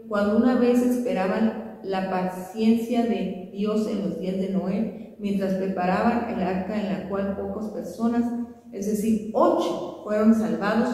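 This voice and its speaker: A woman pastor teaching a sermon, reading scripture slowly and then explaining it earnestly, often repeating and restarting her words. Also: mid-range voice, dark tone. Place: church sanctuary. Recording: echoey church hall, voice from far off.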